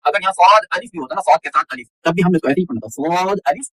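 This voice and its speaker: Male tajweed teacher, high voice, dry close sound, spells out letters, chants slowly, corrects mistakes firmly. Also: a bit bright, breathy edge, dry recording, low-quality recording. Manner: spells out letters and vowels, then recites slowly in a drawn-out chant; corrects common mistakes with firm repeated "no". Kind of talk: step-by-step recitation lesson.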